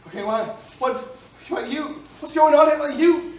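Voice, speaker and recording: A man's voice: very high voice, moderate pace. A man on a theater stage playing a desperate, bewildered family man, frantic and pleading. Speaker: stage actor. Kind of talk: live stage play acting. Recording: echoey stage from far off.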